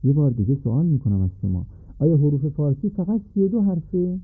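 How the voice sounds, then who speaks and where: A man gives a measured lesson and often puts questions to his students. His voice is husky and a little breathy. The sound is narrow and tinny, like a phone line. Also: on the high side, animated. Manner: measured, asks questions to the listener. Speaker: teacher. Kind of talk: recorded lesson on letter pronunciation. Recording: phone-like narrow band recording.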